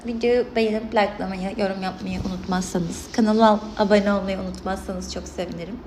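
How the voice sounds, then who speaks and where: A woman's voice: mid-range voice, fairly even intonation, fairly quick, darkish tone, slight background noise. A young woman streaming a mobile game, chatting casually and exclaiming and laughing at the action. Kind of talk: casual gameplay commentary.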